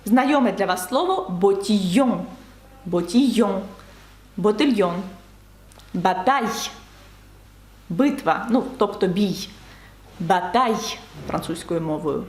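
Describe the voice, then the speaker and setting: A woman teaching a beginner language lesson, patiently spelling out letters and repeating example words slowly. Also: medium pitch, animated, a little mellow, echoey room.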